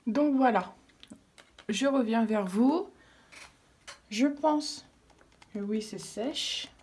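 A woman with a slightly high, darkish voice speaks extremely slowly as she demonstrates a craft technique at home. She's a craft tutorial vlogger working casually with her daughter nearby, frequently hesitating with fillers and restarts.

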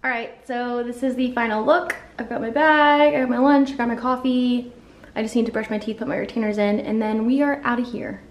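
Her voice sits on the high side, steady in tone and a little fast, as this young adult lifestyle vlogger chats casually through her day at home. She thinks aloud in short, informal bursts around her apartment kitchen and rooms. The audio comes from a camera mic a few feet away, so it sounds distant, roomy, and noisy.

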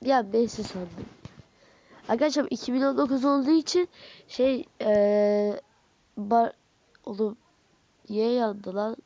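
Excitable young woman with a stuffy nose. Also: on the high side, measured pace, long pauses, muffled recording. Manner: excitable, swings from muttering to squealing. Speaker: gaming YouTuber. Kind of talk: casual pack-opening commentary.

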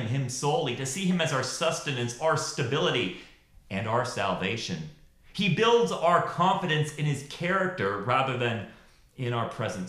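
A man preaching a sermon, telling scripture stories with dramatic pauses and rising emphasis. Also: mid-range voice, roomy sound. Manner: expressive storytelling with dramatic pauses.

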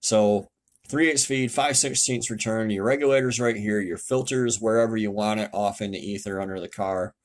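A car tech YouTuber explains fuel systems from home over a screen share, speaking at normal speed in a fairly low, steady voice. His tutorial is casual and blunt, with occasional swearing and corrections along the way.

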